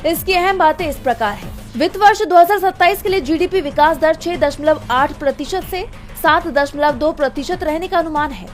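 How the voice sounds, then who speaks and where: A woman's voice: high-pitched, normal speed, few pauses. A woman narrating a scripted news report in voice-over style. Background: music bed.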